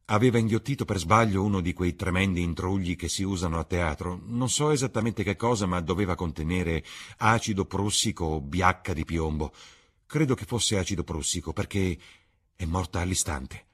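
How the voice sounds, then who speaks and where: A man's voice: sits low, moderate pace, slightly rough. Man voicing a suave cynical lord. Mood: smooth. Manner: suave, composed, persuasive. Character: worldly older male aristocrat, calm and cynical. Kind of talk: audiobook reading.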